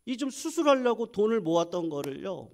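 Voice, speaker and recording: Male pastor, high, very animated voice, dramatic sermon storytelling. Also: fairly quick. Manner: dramatic storytelling, swings from loud proclamation to hushed near-whispers. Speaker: senior pastor. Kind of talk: Sunday sermon.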